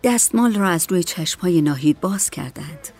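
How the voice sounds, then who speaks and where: A woman narrating a story as an audiobook in a calm, measured way. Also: on the low side, faint music behind.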